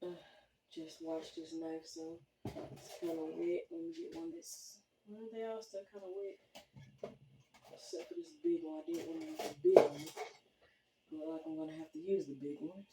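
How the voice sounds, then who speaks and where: A woman's voice: deep voice, moderate pace, mellow, echoey room, slight background noise. A woman, chatting casually as she demonstrates baking in her small home kitchen, rambling with lots of fillers. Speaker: home baker.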